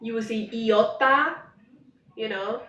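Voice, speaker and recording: Speaking slowly in a fairly high, slightly bright voice, this woman co-hosts a casual live session while studying Korean. She reads her notes out loud and shrugs off her slips with a laugh, all in a roomy, distant recording that is dull and faintly noisy.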